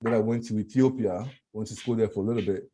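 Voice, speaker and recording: A man from Cameroon talks as a guest over a video call in a mellow, husky voice. He speaks earnestly, pressing his points and repeating words for emphasis. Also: fairly low pitch, steady tone, quick pace. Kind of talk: conversational talk.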